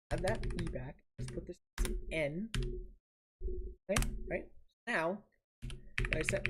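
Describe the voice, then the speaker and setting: A woman's voice: fairly low pitch, noisy background. A woman streaming a building game, casually thinking aloud and muttering each step to herself. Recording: audible keyboard typing and clicks.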